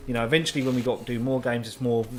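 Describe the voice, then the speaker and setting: A man's voice: medium pitch, fairly even intonation, racing, soft background music. A man co-hosting a casual gaming chat, rambling and swearing now and then. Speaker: co-host of gaming channel.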